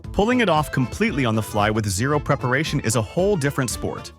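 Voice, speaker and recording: A man narrates with a lively, swooping pitch and hyped-up energy. Soft music plays under his voice, and he sounds polished and scripted. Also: quick pace. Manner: upbeat, hyped-up delivery. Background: faint background music.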